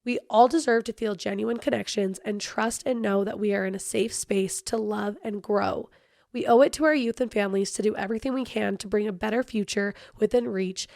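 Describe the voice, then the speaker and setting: A woman hosting a podcast with a hoarse, worn-out voice, talking in a chatty, bubbly, casual way. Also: mid-range voice, a little mellow, no echo, clean studio sound. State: hoarse, voice nearly lost. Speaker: podcast host.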